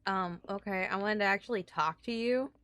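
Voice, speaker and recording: A woman's voice: mid-range voice, moderate pace, a bit bright, dry recording. Joking young woman streamer. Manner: chatty, joking, swears freely. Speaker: gaming streamer. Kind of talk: casual gameplay commentary.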